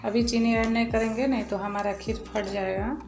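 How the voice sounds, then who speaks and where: A woman hosting a cooking channel, talking viewers calmly through a recipe step by step in a voice-over. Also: fairly high pitch, moderate pace, gravelly. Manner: calm step-by-step explaining, addresses viewers as friends. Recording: echoey room with music behind.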